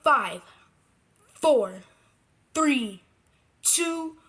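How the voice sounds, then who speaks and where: Drawing out their words, a video creator gives a casual DIY craft tutorial, wandering off track, fixing their own mistakes, and repeating things to stress them. The high voice is animated, bright, and forceful.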